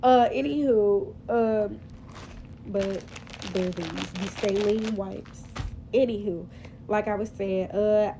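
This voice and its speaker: Chatty woman with a mellow voice. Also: mid-range voice, slight background noise, poor audio. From Memphis, Tennessee, US. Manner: chatty, sassy, rambling with fillers. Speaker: vlogger. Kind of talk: casual confessional vlog. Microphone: phone camera.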